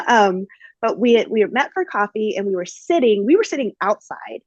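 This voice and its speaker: A woman's voice: mid-range voice, big pitch swings, normal speed, highs cut off. A woman hosting a podcast, telling a story in a casual, chatty way with lots of fillers. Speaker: podcast host.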